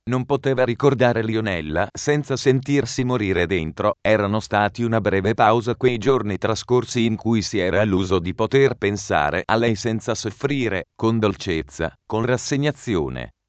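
A man reading a novel aloud in measured, even narration. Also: lowish voice, dry recording. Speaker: audiobook narrator. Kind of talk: scripted narration. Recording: dry, muffled recording.

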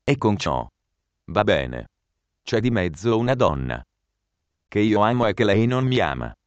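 A man's voice: fairly low pitch, sing-song, a little slow, dry recording. A man reading the lines of a tormented, lovesick young man who answers curtly and with agitation. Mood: anguished. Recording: dry, muffled recording.

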